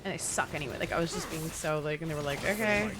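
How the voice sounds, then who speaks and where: Speaking fast in a low-sitting voice, a young woman rambles through asides while she streams a game. The commentary is casual and chatty, with clear background noise in the recording.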